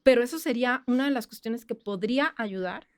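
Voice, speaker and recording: A woman with a Mexican accent, a criminologist guest on a podcast, explaining things in a chatty way with quick asides. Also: a little high, lively intonation, no echo, studio quality. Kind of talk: casual podcast interview.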